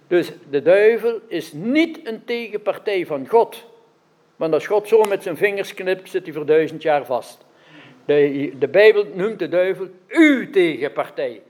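A man's voice: sits high, darkish tone. A man preaching a sermon, often asking his listeners questions and checking that they follow. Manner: questions the audience, adds frequent "right?" checks. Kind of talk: interactive sermon.

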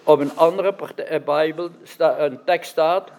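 A man's voice: on the high side, unhurried, darkish tone. A man preaching a sermon, often asking his listeners questions and checking that they follow. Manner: questions the audience, adds frequent "right?" checks. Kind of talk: interactive sermon.

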